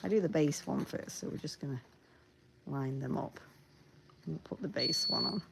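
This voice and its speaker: Brief: young woman streamer, low pitch, gravelly edge, chatty and easily amused as she crafts. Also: normal speed, background noise. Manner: chatty, laughs often, talks while working with her hands. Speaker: livestreamer making costume pieces. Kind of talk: casual craft livestream chat.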